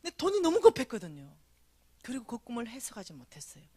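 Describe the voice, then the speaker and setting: A middle-aged woman telling a dream story in a revival sermon, animated, acting out the voices and often dropping to a whisper. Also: on the high side, fast talker, slightly rough. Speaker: revival speaker.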